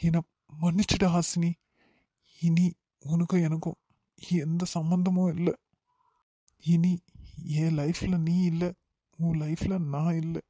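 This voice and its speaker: A man's voice: on the high side, level tone, slow pace, pauses often, mellow, dry recording. A man voicing a guilt-ridden young man in a cartoon who laments and reproaches himself, with a Kanyakumari Tamil accent. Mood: remorseful. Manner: despairing, self-reproaching. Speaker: cartoon character.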